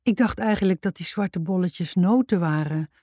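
A woman voicing a soft-spoken, sheepish schoolboy in a children's storybook. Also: lowish voice, moderate pace, dry recording, studio quality, close to an everyday voice. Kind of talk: reading a children's book aloud.

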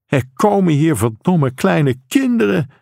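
A man voicing an enraged middle-aged father who shouts and swears at a policeman. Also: mid-range voice, moderate pace, gravelly, no room sound, clean studio sound, pitched above the performer's own voice, natural voice.

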